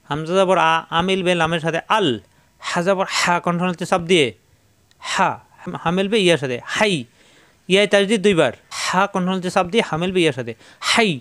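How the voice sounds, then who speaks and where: High-voiced man patiently drilling syllables. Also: fairly bright tone, clear, resonant tone. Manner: slow, patient, repeats each syllable for learners to echo. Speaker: Quran reading teacher. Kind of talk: step-by-step spelling lesson.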